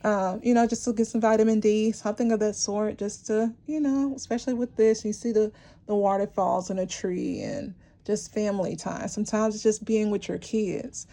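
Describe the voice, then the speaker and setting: This woman offers viewers an encouraging, meandering intuitive tarot reading at a moderate pace, frequently starting her sentences over. Her mid-range voice is mellow, dark and gravelly, wearing hoarse, and she keeps clearing her throat.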